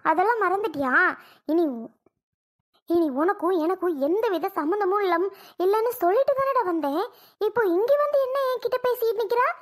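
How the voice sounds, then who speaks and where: A woman voicing an injured young wife in a cartoon, who is furious and scolds sharply. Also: a little fast. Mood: angry. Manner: shrill, scolding, exasperated. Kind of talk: cartoon voice acting.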